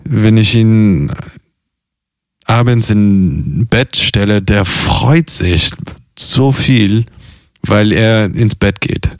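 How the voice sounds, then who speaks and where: A young man, half Italian, talking openly as an interviewee with many pauses, fillers and restarts. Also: fairly low pitch, dry recording, clean studio sound. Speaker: interviewee, circus artist and carer. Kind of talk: casual personal interview.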